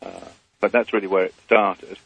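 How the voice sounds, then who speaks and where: A man's voice: low-pitched, steady tone, moderate pace, vocal fry, dull audio, a little hiss or hum. Man on a phone held away, distant. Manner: hesitant, many fillers and restarts. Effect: phone held away from the mouth, faint and distant. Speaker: guest. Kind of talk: phone interview.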